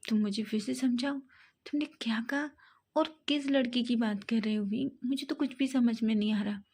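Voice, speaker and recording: A woman's voice: a little high, normal speed, slightly rough. A woman voicing a caring young man who coaxes and pleads with his partner. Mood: pleading. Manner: pleading, gently insistent.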